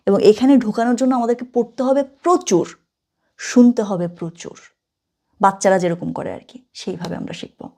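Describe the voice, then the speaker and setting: A woman's voice: fairly high pitch, mellow. A woman teaching German in an online lesson, mixing in English and often checking "okay?" with her students. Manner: code-switching teacher, checks in with "ঠিক আছে?" often; slows down and spells out German words.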